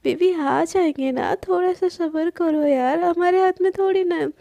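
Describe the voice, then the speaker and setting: Brief: woman reading as a teasing, doting young wife in an audio story, high voice with gravelly fry. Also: moderate pace, dark tone, no echo. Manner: playful, doting, coaxing.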